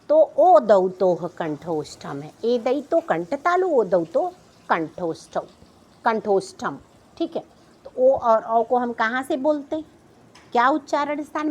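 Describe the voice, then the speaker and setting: A woman's voice: a little high, darkish tone. A middle-aged woman teaching a class, patiently explaining a chart and repeating each sound, often checking in with her students.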